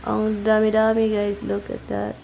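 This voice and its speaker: A woman's voice: medium pitch, completely flat delivery, measured pace, gravelly, lo-fi sound, slight background noise. Chatty Bisaya woman vlogging outdoors. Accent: Filipino, Bisaya. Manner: chatty, addresses viewers as guys, mixes in English. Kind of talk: casual vlog talk to viewers while harvesting. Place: home garden and house.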